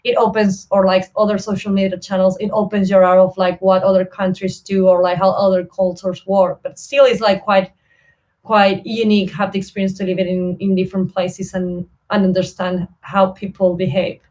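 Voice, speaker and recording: This Argentine service designer, speaking with an Argentine Spanish accent, guests on a podcast for a casual interview chat. Her medium-pitched voice is darkish and flat, moving at a moderate pace, while her friendly, rambling talk is packed with filler words.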